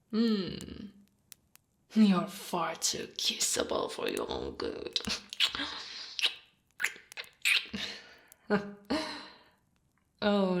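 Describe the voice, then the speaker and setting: An Italian woman, whose first language is Italian, voices a short female orc guard in an intimate ASMR roleplay. Her full character voice runs on the high side, soft and breathy with slips into whispering, gently dominant and doting. The mood is affectionate and teasing.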